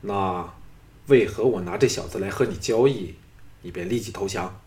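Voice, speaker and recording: A man's voice: low-pitched, moderate pace, darkish tone, natural voice. A man voicing a lecherous, scheming middle-aged nobleman who talks in a leering, commanding way. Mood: cold, scheming.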